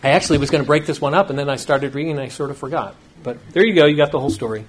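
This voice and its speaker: A man preaching in a church, reading scripture aloud with slow, emphatic phrasing and then speaking to the congregation. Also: fairly high pitch, a little hiss or hum. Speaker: pastor.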